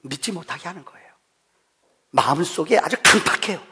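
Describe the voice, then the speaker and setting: A middle-aged male pastor giving a Thanksgiving sermon, telling stories with sudden loud and soft swings and acting out quoted voices. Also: a little high, animated, fairly quick, very noisy. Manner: acts out quoted voices of his son. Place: church sanctuary. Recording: long hall reverb.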